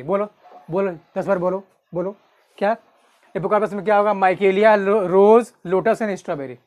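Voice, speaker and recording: A man tutoring biology in an exam-prep lecture, repeating key terms slowly and asking questions that he answers himself. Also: high-pitched, a little mellow.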